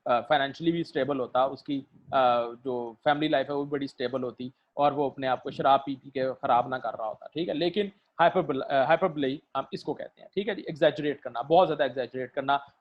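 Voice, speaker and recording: A man giving a literature lecture, mixing in English terms, hesitating with fillers and keeping on asking his students "right?". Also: mid-range voice. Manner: keeps checking "theek hai?" and fills pauses with "uh", mixing in English terms. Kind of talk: recorded lecture. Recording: dull lo-fi recording.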